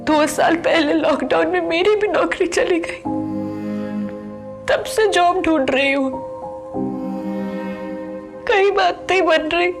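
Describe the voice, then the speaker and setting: A woman voices a pushy, sassy female call center agent in a comedy phone sketch. Her voice sits very high and her retorts come quick and sharp. Music plays underneath throughout. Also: expressive. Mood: sad.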